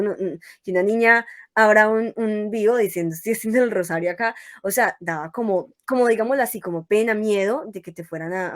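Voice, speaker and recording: Young woman telling a lively faith testimony. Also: mid-range voice. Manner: lively storytelling that acts out her own past words. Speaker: guest giving a faith testimony. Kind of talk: casual testimony in an interview.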